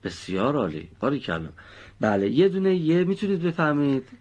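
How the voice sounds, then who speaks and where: In a muffled recording, a man with a fairly high, very animated and somewhat dark voice teaches children to pronounce the letters of Quran recitation. He explains patiently and precisely and praises his students often.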